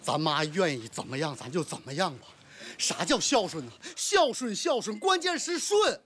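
An actor playing a timid, henpecked village husband, pleading and stammering in a rural film drama. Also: male voice, high-pitched, big pitch swings, moderate pace, fairly bright tone, slight background noise. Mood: placating.

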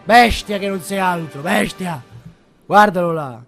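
A young man commentating his own video game boss fight, excitable, swearing, and shouting and repeating words in bursts. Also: high-pitched, measured pace, faint music behind. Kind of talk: live gameplay commentary.

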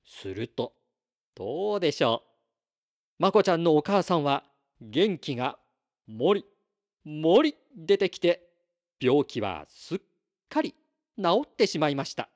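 A man reading a children's story aloud in a slow, gentle, expressive way. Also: fairly high pitch.

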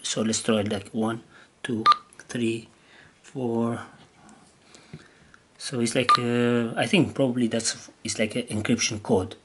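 This non-native English-speaking man, a ham radio enthusiast, demonstrates his equipment hands-on at a wooden table inside, speaking off the cuff in hesitant, broken-up phrases as he thinks. His pitch is medium and his intonation fairly even, captured clearly on handheld camera audio along with background noise.

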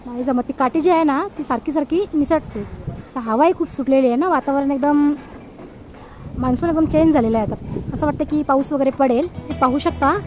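A woman's voice: high voice, fairly quick, darkish tone, soft background music. A woman with an Agri Marathi accent, from near Thane, vlogging outdoors in a village yard and coaxing a toddler in a sing-song voice. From Bhiwandi area near Thane, India. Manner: sing-song and coaxing when talking to the child. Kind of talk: casual vlog narration while minding a toddler. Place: outdoors in a village yard under a coconut tree.

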